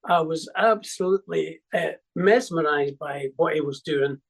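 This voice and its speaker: An older man from Scotland with a Scottish accent, a musician recalling his childhood in an interview with many pauses and restarts. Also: fairly high pitch, vocal fry, breathy edge, rough recording. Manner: hesitant, full of ums and restarts. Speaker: musician guest. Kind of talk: reminiscing interview.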